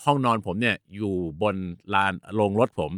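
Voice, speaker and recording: A man whose first language is English, co-hosting a casual podcast in Thai. He drops English terms into his sentences and spells them out slowly, letter by letter. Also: on the low side, a bit bright, dry recording, clean studio sound. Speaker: podcast co-host, English teacher. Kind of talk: casual bilingual chat.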